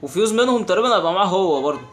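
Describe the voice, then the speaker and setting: Fast-talking Egyptian man narrating gameplay. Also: sits high, a little hiss or hum. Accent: Egyptian Arabic. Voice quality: quick, animated, exasperated banter. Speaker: gaming channel host. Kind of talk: casual gameplay commentary.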